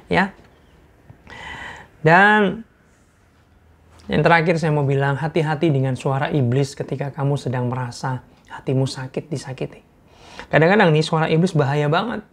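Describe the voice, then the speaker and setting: A fairly high-pitched man delivers an informal, sermon-like talk, earnest and repeating himself for emphasis. He poses questions to his audience and clears an irritated throat.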